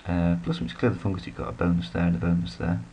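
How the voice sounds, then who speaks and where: A let's play commentator rambles casually while playing a strategy game, filling it with self-deprecating asides. His voice is low-pitched and dark and he talks at a racing pace, with a little hiss or hum in the recording.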